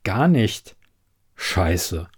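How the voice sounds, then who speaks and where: A man's voice: low-pitched, big pitch swings, drawn-out words, husky, voice pushed down, exaggerated voice. A man reading the part of a polite, slightly evasive male TV quiz host in a read-aloud story. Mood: defensive.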